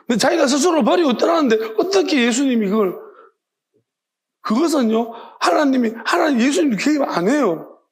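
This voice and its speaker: A man's voice: very high voice, expressive, moderate pace. A male pastor, preaching an evening sermon with emphatic rhetorical questions. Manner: emphatic, rhetorical questions, acts out imagined voices.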